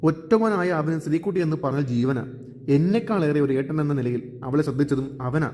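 A man voicing a young, protective elder brother who talks gently and reassuringly. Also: a little high, expressive, fairly quick, close to an everyday voice. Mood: earnest. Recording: long hall reverb.

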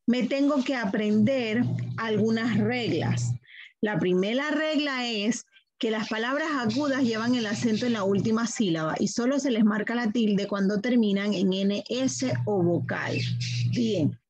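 High-voiced woman teaching a class. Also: measured pace, darkish tone, lo-fi sound. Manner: didactic, asks questions then answers them herself. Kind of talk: classroom grammar lesson.

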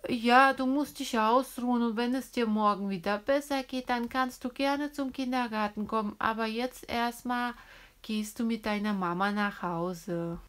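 A woman voicing a calm, brisk female emergency doctor in a children's toy-figure story, soothing and reassuring. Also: fairly high pitch, smooth.

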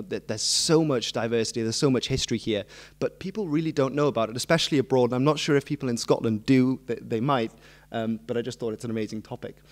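A man, giving an informal, self-deprecating history lecture as a student speaker. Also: mid-range voice. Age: early 20s. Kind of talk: informal public talk with self-deprecating humour. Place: on stage in a hall before a seated audience. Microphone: microphone on a stand at a lectern.

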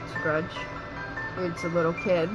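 A woman's voice: on the low side, level tone, normal speed, over loud music, low-quality recording. A young woman chatting casually in a reaction video, playful and blunt. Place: small dim bedroom.

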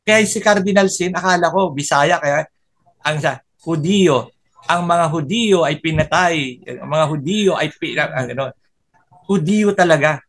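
Older man explaining, slightly high voice. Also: normal speed, a bit bright. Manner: explains patiently and repeats points. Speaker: Spanish professor. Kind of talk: casual chat.

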